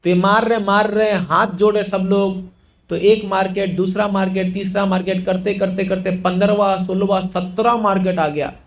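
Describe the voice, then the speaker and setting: A man preaching to a congregation, telling a story in an animated way and acting out the characters' lines. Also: high-pitched, normal speed. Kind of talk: storytelling sermon.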